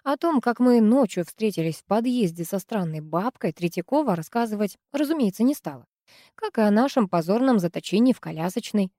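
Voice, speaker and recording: A woman narrating a first-person audiobook story in a calm, even way. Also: medium pitch, a little fast, dry recording, studio quality. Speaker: audiobook reader.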